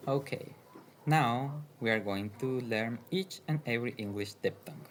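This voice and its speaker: A man's voice: mid-range voice, unhurried, slight background noise. A man teaching English diphthongs, saying each example word twice with careful emphasis. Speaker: pronunciation teacher. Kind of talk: slow, deliberate lesson.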